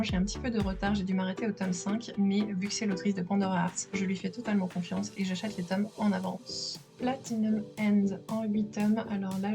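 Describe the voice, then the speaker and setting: At home by the living-room bookshelves, a woman who collects manga gives a casual shelf-tour vlog while filming handheld. Her middle-pitched voice is chatty and enthusiastic, with filler pauses, and clear background music plays beneath her.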